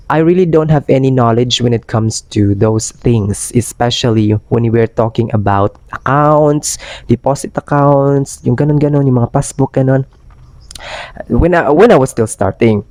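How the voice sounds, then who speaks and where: This casual vlog comes from a young Filipino man who runs a channel and works part-time as an ESL tutor. A cold has left his voice hoarse and rough, dark in tone and pitched in a typical male middle range, as he slides between Tagalog and English full of filler words. The audio is close-miked and dry, free of reverb.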